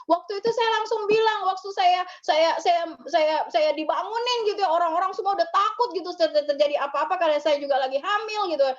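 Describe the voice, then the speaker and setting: A woman's voice: extremely high pitch, fast talker, hardly any pauses, muffled recording. A woman pastor giving a conversational memorial sermon, often ending her phrases with little tag words. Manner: conversational, tags phrases with ya and gitu.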